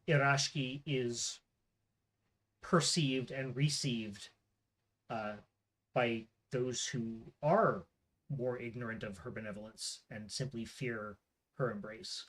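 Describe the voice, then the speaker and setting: A game master running a tabletop game and hosting the show, talking casually with filler words. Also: medium pitch.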